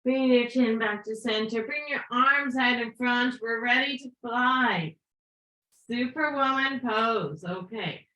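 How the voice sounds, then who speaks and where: A woman leading a live yoga class with playful, encouraging cues and breath counts, her voice going hoarse. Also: fairly high pitch, slow, pushed and bright. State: losing her voice. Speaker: yoga teacher. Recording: echoey room.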